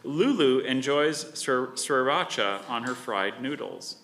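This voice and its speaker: A man acting as spelling bee pronouncer, reading out words, definitions and example sentences in a measured, formal way. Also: mid-range voice, lively intonation, fairly bright tone, echoey room. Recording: live stage with background noise.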